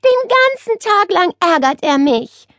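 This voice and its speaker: A woman voicing a spirited young girl in an audiobook, talking in a loud, exasperated way. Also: extremely high pitch, big pitch swings, measured pace, no echo, studio quality, voice pushed up, full character voice. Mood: whiny. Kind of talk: audiobook character voice.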